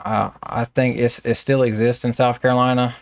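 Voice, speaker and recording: A man's voice: mid-range voice, level tone, normal speed, vocal fry, no room sound, studio quality. A man with a Southern American accent who runs a staffing business, telling stories in a casual, plainspoken interview.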